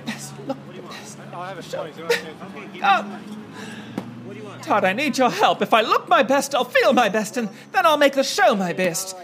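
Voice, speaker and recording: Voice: high-pitched, very animated, moderate pace, crowd noise. A stage performer talking in a theatrical, grandiose, self-dramatizing way, first from a car parked in a lot and then in a small restaurant. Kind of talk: comedic mockumentary talk.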